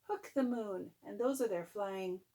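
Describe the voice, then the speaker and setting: An older woman, a grandmother, reading a bedtime story aloud in an expressive, playful way, as if to a child. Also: medium pitch, a little slow. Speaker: grandmother reading a picture book. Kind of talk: bedtime story read-aloud with chatty asides.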